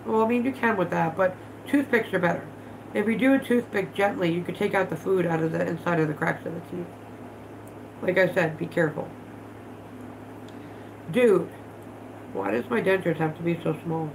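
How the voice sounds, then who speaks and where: A vlog host in her thirties chats casually on a home livestream in a slightly low, creaky voice at normal speed, stuffed up from allergies and pausing for long stretches. She talks bluntly and curses freely while working with her hands. A phone on the table in her living room picks up a faint room hum behind her.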